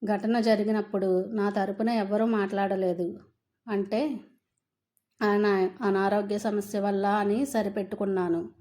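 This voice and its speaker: A woman narrating a first-person family story in a steady, subdued reading. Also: medium pitch.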